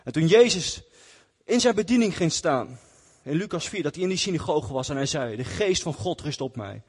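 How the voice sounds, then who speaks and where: A man's voice: fairly high pitch, lively intonation, normal speed, slightly rough. A man preaching a testimony sermon in church, earnest and retelling scripture stories. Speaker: lay preacher. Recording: long hall reverb.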